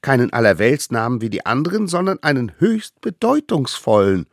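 A man voicing a tiny, eager boy caveman hunter with a high, pleading, fussy voice. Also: sing-song, normal speed, dry recording, clean studio sound.

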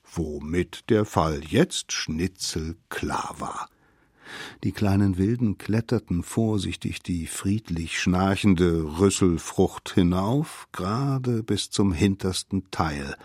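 Slow, husky-voiced male storyteller. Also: on the low side, no room sound, studio quality. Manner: slow, expressive and playful. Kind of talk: children's story reading.

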